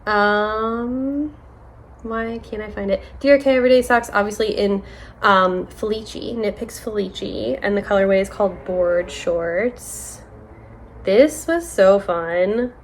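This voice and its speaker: Young woman vlogging her knits, rambly and casual, lots of ums, mid-pitched, a bit of faint noise. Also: a little slow. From United States. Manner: chatty, rambling, many ums and likes, self-correcting. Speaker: knitting vlogger. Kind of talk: casual show-and-tell chat.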